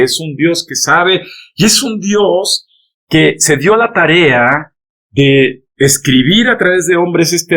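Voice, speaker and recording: A man preaches a sermon in a voice pitched somewhat high for a man. He talks straight to the congregation, tells them to turn to one another, and keeps tossing in rhetorical checks for agreement. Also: a bit bright. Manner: emphatic preaching, peppered with rhetorical "¿verdad?" and "¿amén?" checks; addresses the congregation directly, telling them to turn to each other. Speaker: pastor.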